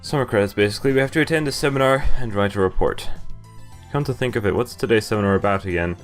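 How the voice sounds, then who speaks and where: A young man at his computer reads a visual novel aloud through a headset, commenting casually as he goes while game music plays. He talks fast in a fairly low voice.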